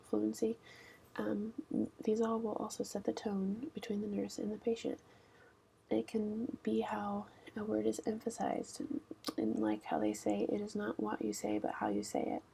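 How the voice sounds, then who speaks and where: A woman reading a nursing lecture aloud at a steady pace, with fillers now and then, her voice often sinking to a near-whisper. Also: mid-range voice, creaky, husky. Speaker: nursing instructor.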